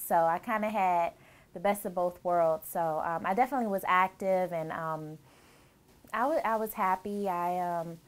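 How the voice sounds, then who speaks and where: A woman in her thirties who grew up in Germany, cheerfully recalling her childhood in a chatty interview with lots of laughs and fillers. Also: mid-range voice. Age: 30s. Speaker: interviewee, bride-to-be. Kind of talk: relaxed interview answers.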